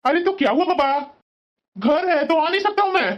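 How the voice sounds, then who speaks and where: Woman playing a suspicious cartoon father-in-law, gruff and questioning, swooping delivery, muffled lo-fi track. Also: very high voice, animated, a little fast. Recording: dull lo-fi audio.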